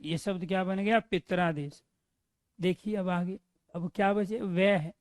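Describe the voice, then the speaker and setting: Female teacher, unhurried classroom drill style, dry close recording. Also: on the low side, fairly even intonation, a little mellow, dry recording. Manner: slow, drilling questions and answering them herself. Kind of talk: classroom grammar lesson.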